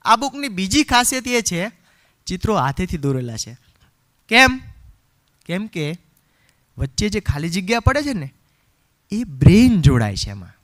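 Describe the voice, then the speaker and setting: A middle-aged man giving a parenting seminar talk, an animated storyteller who acts out quotes and slips English phrases into his speech. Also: sits high, a little slow, long pauses.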